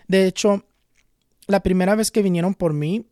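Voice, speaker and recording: A young man in his twenties speaks in a mellow, warm tone, telling a personal story to camera as a spiritual healer. He is earnest and unhurried, often circling back and repeating words. The recording is dry and close, with no room echo. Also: high voice. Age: 20s. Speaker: tarot reader and spiritual healer.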